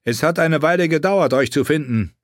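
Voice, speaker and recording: A man voicing an earnest, loyal young male soldier in an audiobook, giving a respectful, steady report. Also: fairly high pitch, normal speed, no echo, studio quality, pitched above the performer's own voice, natural voice.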